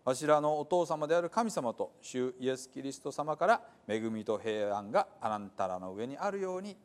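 A man's voice: mid-range voice, lively intonation, moderate pace. A man reading scripture aloud in a Hiroshima dialect, earnest and emphatic.

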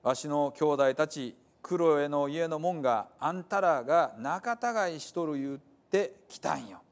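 A man's voice: on the high side, expressive, a little slow. A man reading scripture aloud in a Hiroshima dialect, earnest and emphatic.

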